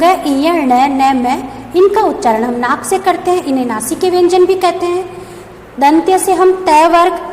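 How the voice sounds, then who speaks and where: A woman teacher giving a grammar lesson, asking questions and then answering them herself as she spells out letters one by one. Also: very high-pitched. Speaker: school teacher. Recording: echoey room with faint background hum.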